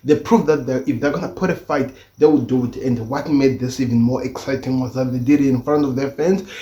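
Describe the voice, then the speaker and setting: A man's voice: mid-range voice, a little fast, dark tone. A man hosting football reaction commentary, emphatic and repeating himself for stress, his speech slightly impeded by a sore tooth. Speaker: football channel host. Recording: dull, echoey room recording.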